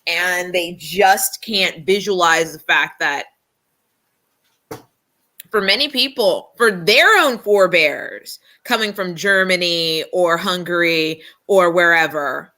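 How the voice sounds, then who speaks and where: A woman's voice: on the low side, animated, takes it slowly, sharp tone. A woman co-hosting a podcast, talking in a blunt, emphatic, sarcastic way in casual opinionated chat. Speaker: podcast co-host.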